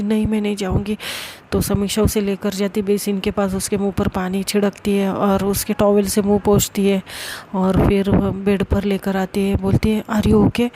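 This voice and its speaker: A woman's voice: medium pitch, background noise. A woman casually narrating a love story, hesitant, with fillers and repeated words.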